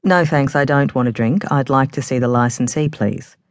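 A woman's voice: a bass voice, moderate pace, no room sound, studio quality. A woman voicing a poised female police detective, polite but firm and businesslike.

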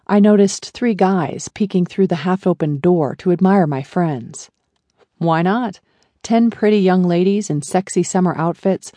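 A woman narrating a first-person memoir audiobook in a measured, even storytelling manner. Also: fairly low pitch, no room sound.

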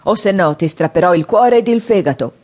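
Donna che fa un forzato minaccioso e affamato. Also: female voice, on the low side, close to an everyday voice. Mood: threatening. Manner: loud, threatening, drawn-out demands. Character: menacing hungry male convict, rough and threatening.

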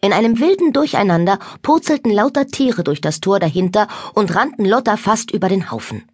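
Female narrator for a children's audiobook: expressive and animated, husky, dry studio sound. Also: medium pitch, a little fast, dry recording. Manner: lively, expressive storytelling.

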